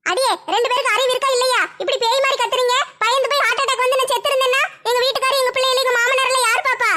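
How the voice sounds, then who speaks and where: A woman's voice: very high voice, flat delivery, rapid-fire, sharp tone. A woman playing a fearful, chatty village wife and mother who rambles and complains. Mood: indignant.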